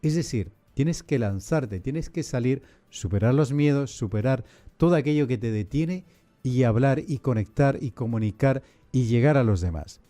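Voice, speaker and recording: A priest hosting a podcast, explaining in a didactic, measured way and asking many rhetorical questions. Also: male voice, mid-range voice, expressive, warm tone.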